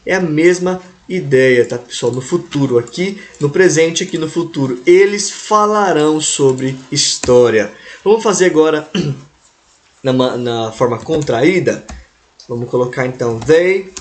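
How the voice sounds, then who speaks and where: Slow-paced man teaching English grammar. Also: fairly high pitch, lively intonation. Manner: slow, drawn-out model sentences with frequent "né?" and "tá?" check-ins. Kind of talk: online language lesson.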